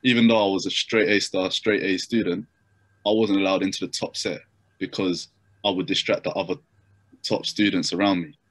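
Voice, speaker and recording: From his bedroom, a young man from Japan joins a casual interview by video call and shares his story, restarting often and leaning on fillers. He has a low-pitched, steady voice and keeps a moderate pace. The recording, via laptop webcam mic, is dry.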